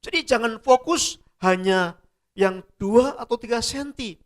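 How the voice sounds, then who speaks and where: A man's voice: very high-pitched, unhurried. A middle-aged man preaching a sermon as a church pastor, telling stories and repeating phrases for emphasis. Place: church service.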